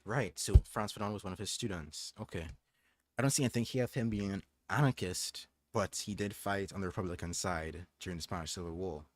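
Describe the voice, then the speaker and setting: A young man hosts a livestream, reading aloud from a book and chatting thoughtfully yet hesitantly, with frequent restarts. His voice is deep and a little fast.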